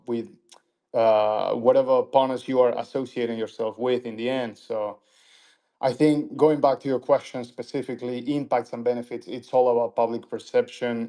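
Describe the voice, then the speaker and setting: Man, guest speaker, medium pitch, casual chat, frequent fillers and restarts. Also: a little mellow. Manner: filler-heavy, repeats "you know" and restarts. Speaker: panel guest. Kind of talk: casual panel conversation.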